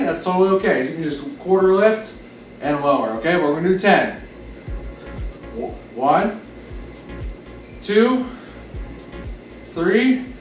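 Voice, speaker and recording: A man leading an exercise class as instructor, giving short encouraging cues and counts. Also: sits high. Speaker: fitness instructor. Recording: roomy echo, distant mic, background music. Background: music.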